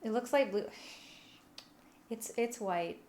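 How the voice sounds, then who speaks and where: A woman livestreamer chatting casually with viewers in a playful, cutesy, giggly and animated way. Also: fairly high pitch, slow, a little hiss or hum. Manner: animated, expressive delivery. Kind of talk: casual live chat. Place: room at home.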